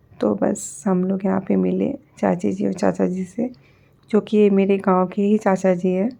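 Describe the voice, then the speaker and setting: A woman's voice: mid-range voice, creaky, mellow. A young woman with a Bihari accent, chatting casually to her vlog audience in a rambling way with many fillers. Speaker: vlogger.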